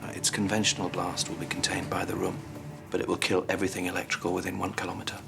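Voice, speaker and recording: An actor playing a grave, weary, commanding older intelligence chief in a television spy drama. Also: male voice, low-pitched, monotone, quick pace, creaky. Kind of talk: naturalistic TV drama acting. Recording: loud dramatic music behind.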